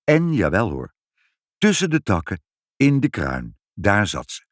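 Expressive man reading a children's story. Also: fairly low pitch, measured pace, dry recording, clean studio sound. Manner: expressive, sing-song delivery.

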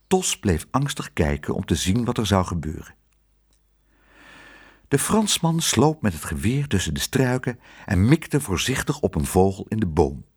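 A man reading a children's book aloud, telling the story in an expressive, animated way. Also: on the low side, slightly rough.

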